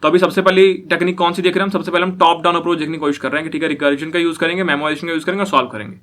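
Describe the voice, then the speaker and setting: A man's voice: fairly high pitch, fairly even intonation, racing, fairly bright tone. A young man giving a casual coding lecture, often repeating himself and checking whether listeners follow. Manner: repetitive, asks listeners if they follow. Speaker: programming teacher.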